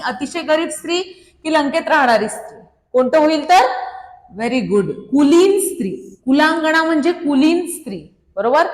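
A woman teacher with a Marathi accent runs an online exam-prep quiz, reading out options, repeating each question and praising students by name. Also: sits high. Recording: echoey room with long reverb.

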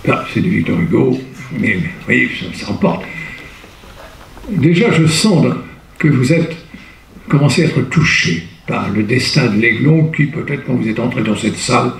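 An older man giving a public history lecture in a hall, telling the story with lively feeling and reciting verse. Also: medium pitch, normal speed, creaky. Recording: roomy hall, mic at a distance.

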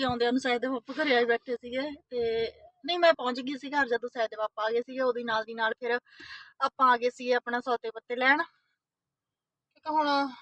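A woman's voice: high-pitched, fairly bright tone. A woman from Punjab in her thirties, a mother chatting casually to her family vlog audience and often tagging "isn't it" onto her sentences. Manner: chatty, keeps adding "isn't it" tags.

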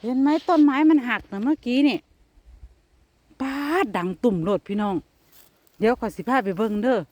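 A woman with an Isan accent talking casually to her viewers while walking outdoors in a forest, now and then calling loudly to her cats. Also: on the high side, lively intonation, moderate pace, no echo. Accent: Isan (Northeastern Thai). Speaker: vlogger.

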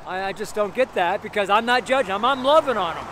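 Outdoors beside heavy traffic, a middle-aged street preacher speaks in a high-pitched voice with lively intonation and a fairly bright tone. A camera facing him at medium distance records him reading scripture slowly and deliberately, repeating his points emphatically and often adding "right?"

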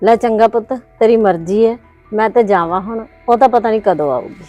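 An actress playing an insistent neighbor aunt giving advice in a drama. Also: female voice, mid-range voice, a little fast, mellow, highs cut off, soft background music, close to an everyday voice. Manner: insistent, advising. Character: meddling older neighbor aunt, advising. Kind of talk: Punjabi web drama acting.

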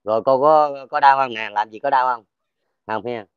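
A man with a Southern Vietnamese accent, a folk healer talking casually as he works, checking for pain and cheering loudly. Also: medium pitch, moderate pace, clean tone, dry recording, lo-fi sound. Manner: keeps checking for pain, loud cheerful exclamations. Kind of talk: casual talk while treating a patient.

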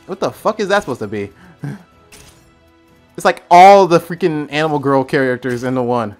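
A man casually commentating his gameplay on stream, excitable, with loud outbursts, swearing and frequent laughs. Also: on the high side, normal speed, soft background music.

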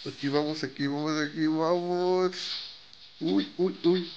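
A young man with a Mexican Spanish accent giving casual, excitable commentary over a mobile game, yelping, groaning and swearing as he spends in-game currency. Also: fairly high pitch, a little slow, highs cut off, background noise. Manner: excitable, nervous, yelps and groans, swears freely.

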